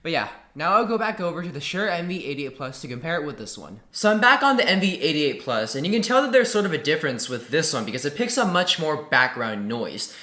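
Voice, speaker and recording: A man's voice: fairly high pitch, sing-song, quick pace, hardly any pauses, bright, forceful tone. A man giving a scripted, upbeat product review into a desk microphone. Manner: upbeat, enthusiastic. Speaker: tech reviewer. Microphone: desk USB condenser mic. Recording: roomy echo, faint music.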